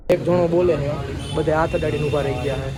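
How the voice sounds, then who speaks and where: Flat-voiced man outdoors. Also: on the high side, brisk, slight background noise. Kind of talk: explaining a ritual.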